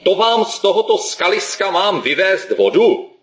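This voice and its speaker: A man's voice: high-pitched, very animated, fairly bright tone, echoey room. A preacher voicing Moses as a boastful, then stammering old male prophet, quoted with mocking exaggeration.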